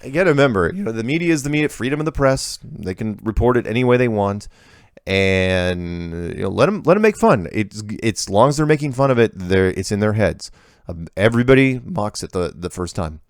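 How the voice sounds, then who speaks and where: A man's voice: on the low side, animated, brisk, no room sound, clean studio sound. A middle-aged man hosting a show, reading viewer emails aloud and commenting on them in an easygoing, offhand way.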